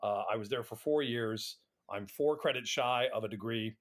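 A man's voice: medium pitch, normal speed. Wry middle-aged American man telling stories. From United States, Atlanta area. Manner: wry, self-deprecating. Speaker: podcast guest, actor. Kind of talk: casual anecdotal interview chat.

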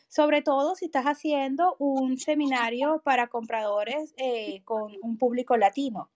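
A woman host in a panel conversation, with a clearly high voice. She speaks in an agreeable, encouraging way and keeps affirming her guest's points.

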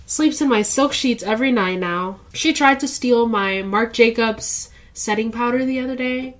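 A woman's voice: fairly high pitch, normal speed. A young woman hosting a podcast in casual chat, a teasing storyteller who laughs often. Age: young adult. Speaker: podcast host.

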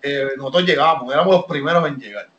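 A Puerto Rican man with a slightly high voice, talking as a guest on an interview podcast. He tells his story in an animated way and often stops to restart a phrase. The room around him gives his voice a roomy echo. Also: quick pace, lo-fi sound, slight background noise. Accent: Puerto Rican Spanish. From Puerto Rico. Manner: animated, many fillers and restarts. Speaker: wrestler guest.

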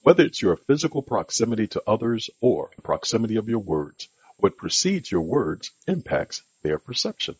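A man's voice: on the low side, big pitch swings, moderate pace, slightly rough, no echo, lo-fi sound. A man hosting a podcast, reading a scripted monologue with an emphatic, instructive delivery. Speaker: podcast host.

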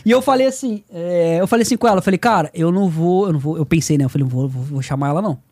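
A man's voice: high-pitched, very fast, a little mellow, no echo. A young man from Rio telling funny travel stories in casual chat, swearing freely and laughing as he goes. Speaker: podcast guest.

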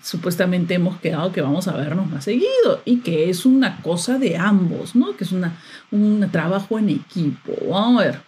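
Young woman, husky voice, chatty and fed-up podcast rant. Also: lowish voice, expressive, moderate pace, a little mellow. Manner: chatty, exasperated, laughs often. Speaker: podcast host. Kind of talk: casual monologue.

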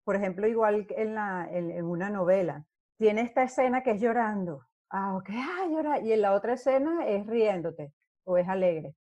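A woman's voice: medium pitch, normal speed, dry recording. A middle-aged woman, an actress, telling stories in a casual interview and acting out the scenes she describes. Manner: animated storyteller who acts out scenes.

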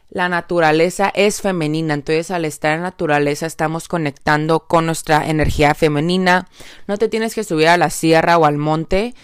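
A woman's voice: low voice, smooth, no echo, studio quality. A woman with a Mexican accent hosting a casual podcast monologue, chatty and upbeat, speaking straight to her listeners with lots of little filler tags. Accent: Mexican Spanish. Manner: frequent filler tags like "¿no?" and "entonces". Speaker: podcast host.

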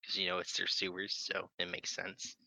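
A man's voice: low-pitched, completely flat delivery, normal speed, creaky, bright, forceful tone, no room sound, rough recording. A man co-hosting a gaming podcast, talking in a laid-back, matter-of-fact way. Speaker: podcast co-host. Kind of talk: casual gaming podcast chat.

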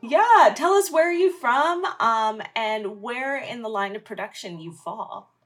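A woman's voice: on the high side, animated, unhurried, faint music behind. A woman co-hosting a podcast, playful and bubbly, teasing and interviewing a guest. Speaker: podcast co-host. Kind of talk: casual podcast chat.

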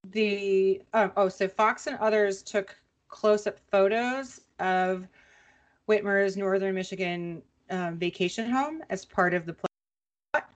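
Podcast lady going over the news, lots of ums, easygoing. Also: medium pitch. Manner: conversational, relaxed with many "um" pauses. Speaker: podcast co-host. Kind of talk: casual chat and news recap.

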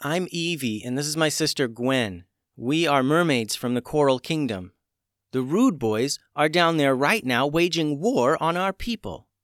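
A man's voice: fairly high pitch, animated, measured pace, fairly bright tone, no room sound, pitched above the performer's own voice. Man doing earnest mermaid warrior, urgent, storybook, dry.

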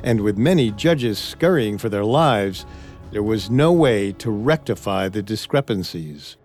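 A man's voice: on the low side, lively intonation, measured pace, darkish tone. A man co-hosting a history podcast, reading a script and voicing quotes with drama. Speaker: podcast co-host. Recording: faint music bed.

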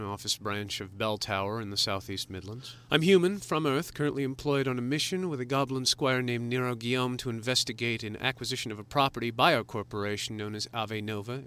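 A man voices a stiff corporate knight in an audio drama. He speaks formally and dryly, and his tone is bright and forceful. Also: mid-range voice, clean tone, close to an everyday voice. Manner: formal, clipped, dry. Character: formal, guarded adult male corporate knight.

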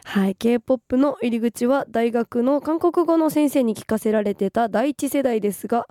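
A young woman from Gifu, hoarse from a cold, with a Nagoya-tinged accent, co-hosting a radio show, reading listener messages and giggling politely. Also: on the high side, normal speed, warm tone, no room sound, clean studio sound. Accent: Nagoya-tinged Japanese. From Gifu, Japan. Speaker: radio co-host. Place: radio studio.

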